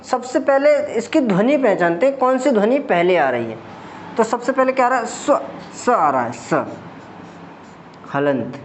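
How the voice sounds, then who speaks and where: A man's voice: extremely high pitch, darkish tone, lo-fi sound. A man teaching a grammar lesson for exam preparation, explaining step by step and answering his own questions as he goes.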